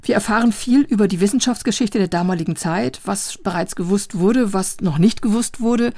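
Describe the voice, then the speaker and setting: A woman presenting and reviewing novels in a measured, deliberate way. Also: mid-range voice, darkish tone, no room sound. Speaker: book reviewer. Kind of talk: book review.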